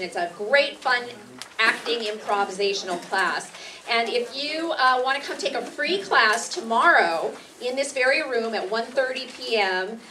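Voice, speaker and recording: Standing on an indoor meeting room stage, a woman who is an acting instructor and event host gives welcoming announcements to a live audience. Her fairly high voice sounds pushed and bright. A far-off camera mic picks her up, and background noise is clearly present.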